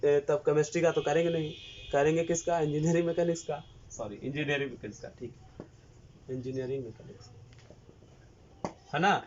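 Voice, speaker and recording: A man's voice: on the high side, darkish tone. A male engineering teacher, dictating notes and coaxing his students with repeated questions. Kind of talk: classroom lecture dictating notes. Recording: dull lo-fi recording with faint hiss.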